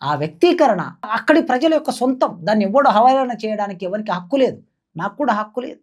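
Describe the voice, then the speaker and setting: A woman's voice: fairly high pitch, lively intonation, quick pace, darkish tone. A woman giving impassioned spoken commentary, declaiming and piling up rhetorical questions like a political commentator.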